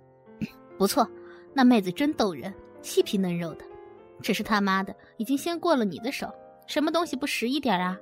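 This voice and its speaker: A woman's voice: a little high, lively intonation, moderate pace, faint music behind, natural voice. A woman voicing a crude, lecherous man who gloats and swears, read in a storytelling style. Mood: leering.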